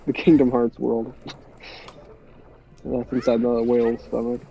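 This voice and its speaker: A young man with a stuffy, congested voice chats casually with a friend over voice chat on his phone mic, hesitant and rambling with many restarts. His medium-pitched voice is monotone, unhurried, gravelly and dark, and the lo-fi audio has a little hiss or hum.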